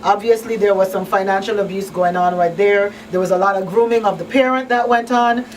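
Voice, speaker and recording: A radio talk show host who also works as a crisis counselor speaks in a mid-range, steady, brisk voice with a darkish tone. She talks conversationally and emphatically, repeating phrases to drive her points home. The noisy studio is picked up on a slightly distant mic.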